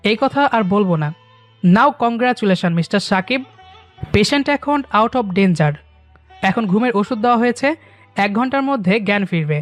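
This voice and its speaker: An actor playing a seasoned hospital doctor who speaks in a measured, professional way, mixing in English phrases, in an audio drama. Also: mid-range voice, animated, soft background music, close to an everyday voice. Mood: reassuring.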